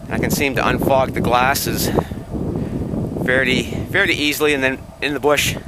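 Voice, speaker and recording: Outdoors on a windy frozen lake, a vlogger speaks through a face mask into a handheld camera mic, narrating casually. His mid-range voice is steady and at normal speed, though he rambles and restarts as he explains.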